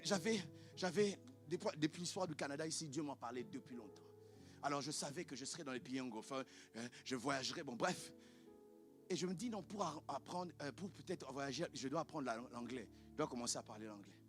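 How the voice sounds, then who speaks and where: A man, a native Lingala speaker, preaching an impassioned sermon as pastor in a church, often rising to shouts. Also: mid-range voice.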